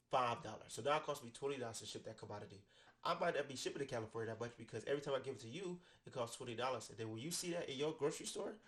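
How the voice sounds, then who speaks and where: A man with an American accent and a stuffy nose from a cold, casually explaining finance topics into a desk microphone. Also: medium pitch. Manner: loose and conversational, many "right?" tags. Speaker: finance educator. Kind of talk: casual explainer talk to camera. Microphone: studio microphone with headphones.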